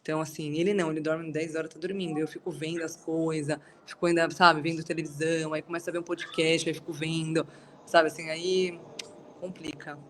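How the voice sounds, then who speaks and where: A woman's voice: low voice, flat delivery, brisk, a little hiss or hum. A Brazilian woman leading a Bible study group, sharing a personal testimony in a chatty, rambling way with many fillers. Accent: Brazilian Portuguese.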